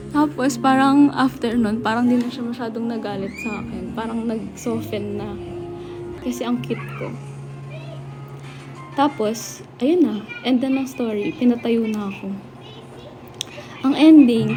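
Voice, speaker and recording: A young woman from the Philippines hosting a live stream, telling a story casually to her chat and acting out family members' shouting. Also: a little high. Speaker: livestream host.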